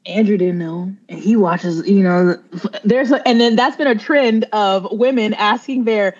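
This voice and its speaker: A woman's voice: medium pitch, unhurried, darkish tone. A woman co-hosting a podcast in casual chat, retelling stories and quoting people as she goes. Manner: chatty, retells stories with quoted voices. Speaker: podcast co-host. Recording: dull lo-fi sound.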